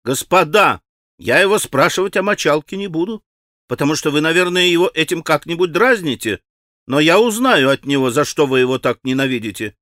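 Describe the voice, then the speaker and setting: A man's voice: fairly high pitch, expressive, brisk, pushed and bright, no echo, clean studio sound. A man voicing an earnest young man who pleads and reasons with a crowd of boys in an audiobook. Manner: urgent, reasoning.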